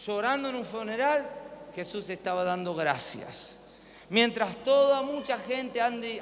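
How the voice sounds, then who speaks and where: A man's voice: high voice, fairly bright tone. A male pastor with an Argentine accent, preaching emphatically to a congregation, repeating phrases and calling for amens. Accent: Argentine Spanish. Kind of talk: live sermon. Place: church hall with congregation. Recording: hall reverb, faint room noise.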